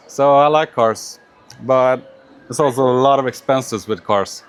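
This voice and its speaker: A man talks about everyday things in a quiet, hesitant voice. He is a coaching client practising, with a mid-pitched, unremarkable tone. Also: measured pace, smooth, faint music behind. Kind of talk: casual practice talk.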